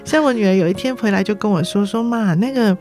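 A middle-aged woman with a Taiwanese Mandarin accent, a nursing director guesting on a podcast, telling lively stories, acting out dialogue and laughing often. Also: medium pitch, very fast, over music. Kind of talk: podcast interview.

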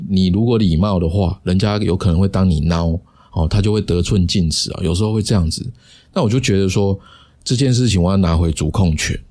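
A man talks through a personal story on his solo podcast. His voice sits low, and his chatty delivery leans on drawn-out particles between phrases. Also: mellow. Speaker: podcast host.

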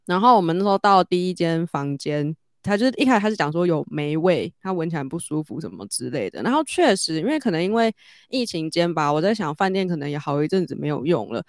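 A woman, telling a story in casual chat and growing animated as she goes. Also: fast talker, dry recording, studio quality. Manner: animated, rises high when excited.

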